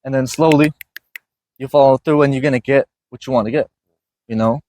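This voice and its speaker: A man's voice: medium pitch, steady tone, a little fast, darkish tone. A man from Iraq hosting a casual motivational conversation, earnest and often checking in with "you know what I mean". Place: gym.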